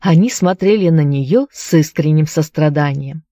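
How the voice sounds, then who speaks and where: A woman narrating an audiobook with a low voice. She reads in an even, measured way. The recording is dry and close, with no room sound. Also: dry recording.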